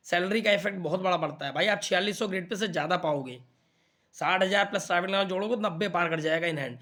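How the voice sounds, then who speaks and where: Chatty high-voiced man explaining to students. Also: a bit bright. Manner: chatty, repeats "theek hai na" to check understanding. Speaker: exam coaching teacher. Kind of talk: casual explainer talk to students.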